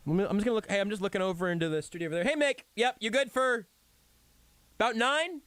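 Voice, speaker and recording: On a sports radio show, a male host with a high voice jokes around fast, keeping the banter animated and self-deprecating. He speaks into a studio microphone, and there's no echo.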